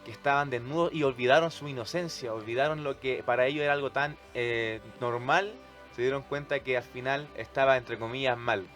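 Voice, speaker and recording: Guy on a church podcast, mid-pitched, chatty, bits of eh and um, faint music behind. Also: steady tone, brisk, a bit bright. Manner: conversational, explains with everyday examples, hesitant fillers. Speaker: podcast co-host.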